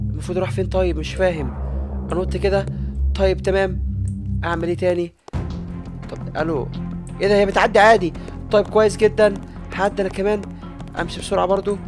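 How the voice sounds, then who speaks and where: An Egyptian-accented man gives rapid, excitable let's-play commentary. He gets jumpy and keeps addressing his viewers. Clear game music plays underneath. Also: high voice. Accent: Egyptian Arabic. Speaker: gaming YouTuber.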